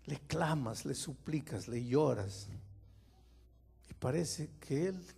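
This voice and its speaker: A man, a pastor, preaching a dramatic sermon, moving from quiet storytelling to loud impassioned pleading and putting questions straight to his listeners. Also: a little high, lively intonation, slow, gravelly, husky. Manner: speaks to listeners directly with questions.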